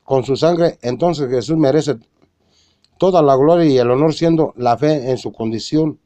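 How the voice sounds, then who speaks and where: A man reading a religious argument aloud in a measured way, quoting scripture and citing chapter and verse. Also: mid-range voice, dark tone, no echo. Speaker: religious lecturer.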